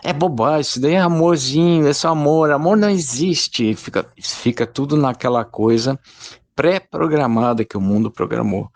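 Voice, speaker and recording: A man's voice: medium pitch, normal speed, gravelly, no echo. A man giving a rambling, informal spoken sermon and calling his listeners brothers. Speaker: lay preacher.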